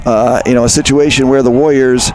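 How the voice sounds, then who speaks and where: A man doing live play-by-play commentary for a high school lacrosse game, chatty and conversational, often correcting himself. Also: fairly even intonation, a little fast, slight background noise. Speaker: play-by-play announcer. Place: outdoor high school field.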